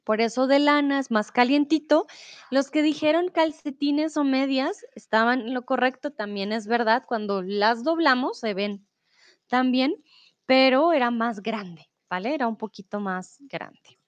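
A woman's voice: sits high, dry recording. A woman teaching a live online class, patiently reading out riddles and answering students' chat replies. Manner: patient, switches between Spanish, English and German to explain; reads riddles slowly and deliberately. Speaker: Spanish teacher.

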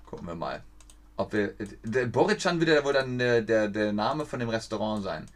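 A man's voice: fairly low pitch, animated, moderate pace. Chatty male streamer thinking aloud. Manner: chatty, thinks aloud, reads viewer chat, stumbles over foreign names. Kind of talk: live-streamed geography game commentary.

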